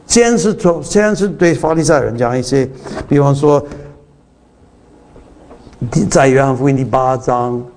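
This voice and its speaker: A man's voice: mid-range voice, measured pace, long pauses, darkish tone, slight background noise. A man preaching a sermon in a conversational way, full of restarts and rhetorical questions, slipping English phrases into his talk.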